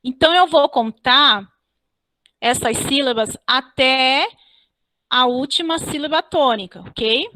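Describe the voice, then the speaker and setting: A woman teacher giving an online class. She explains step by step, spells out syllables slowly and keeps checking with "ok?". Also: high voice, pushed and bright, no echo. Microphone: computer mic on a video call.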